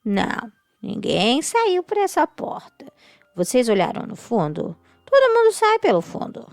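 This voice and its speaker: A woman doing an eerie, low-voiced park worker. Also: huge pitch swings, a little mellow, dry recording, soft background music, heavily acted. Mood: flat. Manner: low, slow and ominous, sometimes near a whisper. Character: eerie costumed woman working at a spooky theme park.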